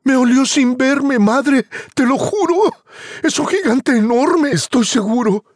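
A man doing a cheeky high-voiced boy. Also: animated, a little slow, slightly rough, no room sound, full character voice. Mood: pleading. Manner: eager, pleading. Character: boastful cheeky peasant boy.

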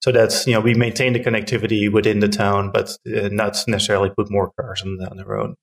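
A man's voice: lowish voice, little pitch movement, quick pace. A middle-aged man from the Netherlands, a town council member answering interview questions earnestly with frequent fillers and restarts.

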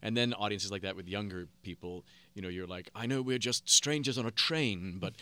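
A man's voice: fairly low pitch, a little fast, bright, forceful tone, clean tone, no room sound. A man, a stage actor, chatting as a guest on a radio interview with wry, self-mocking humor. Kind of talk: casual interview chat. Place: radio studio.

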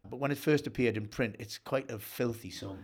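Reminiscing in an interview, this older Northeast England man, a singer of sea shanties, repeats words frequently as he spins his tales. He has a husky, medium-pitched voice and a fairly quick delivery.

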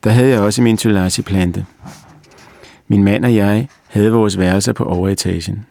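A man reading the lines of a serious little girl who remembers a former life, speaking calmly and with self-assurance. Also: lowish voice, gravelly, no echo. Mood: earnest. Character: earnest little girl recalling a past life.

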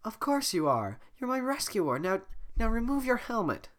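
A haughty, demanding young princess, voiced by a reader with a cold in an amateur script reading. Pitch well above the reader's own, with a bright, pushy edge. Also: sing-song, normal speed. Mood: insistent. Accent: slips into a Scottish lilt. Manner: high, sharp and insistent. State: sick, hoarse throat.

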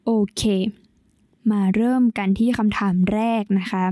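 A woman's voice: mid-range voice, a little slow, warm tone, no room sound, studio quality. A young woman from Thailand, hosting a solo podcast in a chatty, explanatory, polite way. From Nan, northern Thailand. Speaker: podcast host.

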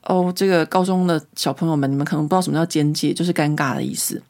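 Low-voiced chatty woman. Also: quick pace. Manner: chatty, animated storyteller. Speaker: podcast host. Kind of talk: casual storytelling podcast.

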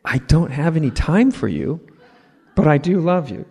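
A man's voice: fairly high pitch, big pitch swings, normal speed, vocal fry, warm tone, breathy edge, exaggerated voice. A man playing a sheepish boyfriend making excuses. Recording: long hall reverb.

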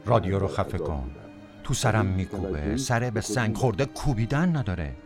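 A man's voice: lowish voice, animated, loud music behind the voice. A man playing an anguished, irritable passenger haunted by guilt, speaking in terse repetitions in a poetic audio drama. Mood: irritated.

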